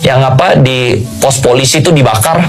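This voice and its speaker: A man's voice: mid-range voice, normal speed, faint music behind. A man in a casual podcast chat, laid-back and slangy, chuckling as he talks.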